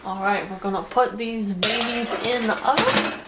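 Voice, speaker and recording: A woman's voice: a little high, steady tone, moderate pace, heavy background noise. A woman chatting playfully while baking cookies at home for a vlog. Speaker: vlogger. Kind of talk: casual home vlog chat. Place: home kitchen.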